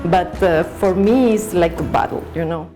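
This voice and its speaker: A woman's voice: on the low side, moderate pace, music in the background, rough recording. A woman from El Salvador with a Salvadoran Spanish accent, an artist explaining her paintings in her studio, hesitant with frequent fillers and restarts.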